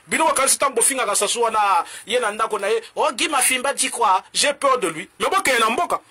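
A man with a Congolese French accent rants about politics to camera. His voice sits high, with a tense, forceful edge and a husky grain. He is combative and mocking, and he switches languages in quick bursts. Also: lively intonation. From Republic of the Congo. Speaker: political commentator. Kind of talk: heated political rant to camera.

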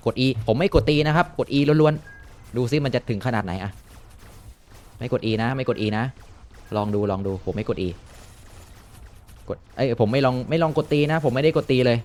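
A young man giving casual gameplay commentary, excitable and swearing often, with frequent exclamations. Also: mid-range voice, normal speed, long pauses. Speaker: gaming YouTuber.

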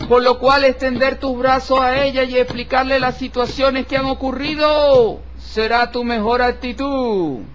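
High-voiced man reading a solemn horoscope. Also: fairly even intonation, a bit bright. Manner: solemn, slow and formal, addressing listener respectfully. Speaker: tarot horoscope reader. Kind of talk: horoscope reading over tarot cards. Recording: dull lo-fi recording with faint hiss.

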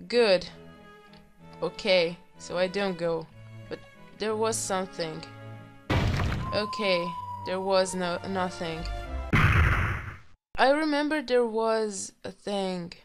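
A woman hosting a let's play, hoarse from being sick and reacting to the game with excited exclamations and giggles. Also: medium pitch, takes it slowly, pauses often. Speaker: gaming video host. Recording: faint music behind.

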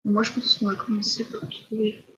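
A teenage girl chatting through a live mobile game stream, full of fillers and drifting into soft whispered asides. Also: mid-range voice, monotone, normal speed, muffled recording, slight background noise. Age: teens. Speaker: livestreamer. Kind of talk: casual live gameplay commentary.

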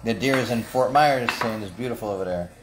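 A man's voice: medium pitch, fairly quick, background noise. A man casually reading out viewer comments and locations during a live cooking stream. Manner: casual, reads out where viewers are watching from.

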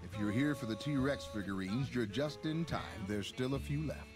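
A man's voice: medium pitch, moderate pace, lightly acted. A man voicing a plain-spoken gift shop clerk in a video game, matter-of-fact. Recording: game audio over clear music.

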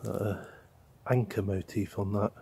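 A man hosting a ghost-hunting vlog outdoors in a churchyard, talking softly to spirits and musing aloud with questions. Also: lowish voice, steady tone, measured pace, vocal fry, slight background noise. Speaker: paranormal investigator host.

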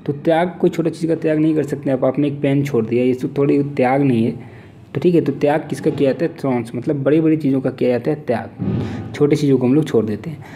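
A man with an Indian accent teaching an exam-prep vocabulary lesson. He reads English definitions out slowly, then explains them in Hindi and keeps checking in with "theek hai". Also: mid-range voice, dark tone, a little hiss or hum.

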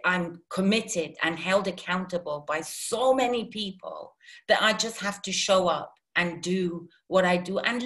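A woman's voice: medium pitch, fairly bright tone. A woman who grew up in Iran, a guest talking casually and animatedly with many restarts. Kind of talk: casual interview talk.

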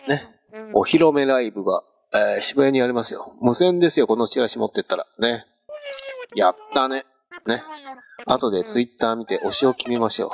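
A man's voice: medium pitch, creaky. A man hosting a casual video, chatting and teasing while he plays a phone app. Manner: chatty, teasing, tacks "ne" onto phrases. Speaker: vlog host.

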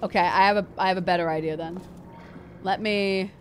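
A woman's voice: mid-range voice, fairly even intonation, fairly quick, slight background noise. A woman livestreaming a game in a cute, bubbly anime-streamer way, chatting casually and repeating phrases to herself.

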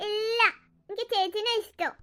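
A woman's voice: very high-pitched, steady tone, normal speed. A woman voicing a small, lonely ghost boy in a cartoon, talking in a plaintive, childlike, whimpering way. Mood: clingy. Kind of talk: cartoon voice acting.

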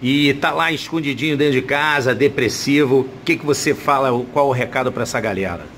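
A man's voice: mid-range voice, fairly quick, a bit bright. A Brazilian man asking questions as a casual interviewer, recorded with some noise behind him. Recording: noticeable background noise.

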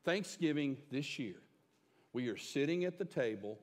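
A middle-aged man, a pastor, preaching a sermon with emphatic swings between loud and hushed delivery. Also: fairly high pitch, animated, measured pace. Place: church sanctuary. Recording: long hall reverb.

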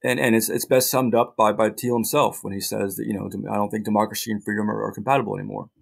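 A middle-aged man, a journalist guest in a casual interview, talking in halting bursts with many restarts and dry asides. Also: on the low side, little pitch movement, vocal fry.

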